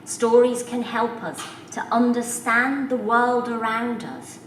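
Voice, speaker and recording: A woman telling a folk tale to children in an unhurried, expressive way, speaking directly to her listeners. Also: on the high side, recorded from a distance, slight background noise. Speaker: storyteller. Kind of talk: storytelling for children. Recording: roomy echo, voice from off the mic, faint background.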